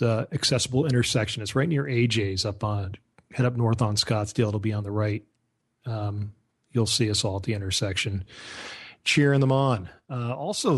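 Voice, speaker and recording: Broadcasting over Skype from his home studio, a talk radio host speaks in a medium-pitched, somewhat mellow voice. His casual chatter is full of fillers and little laughs.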